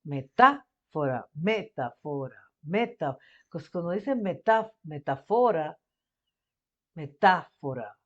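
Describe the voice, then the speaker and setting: A woman's voice: on the low side, animated, slow, highs cut off. A woman hosting a reaction video, chatting casually and switching between Spanish and English as she thinks aloud. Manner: chatty, restarts and repeats words while thinking aloud.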